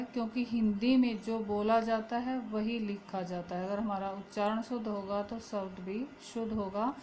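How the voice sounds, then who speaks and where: A woman teaching a grammar lesson who addresses her students as children and repeats each word slowly as a drill. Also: mid-range voice, a little mellow, low-quality recording. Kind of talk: classroom-style lesson.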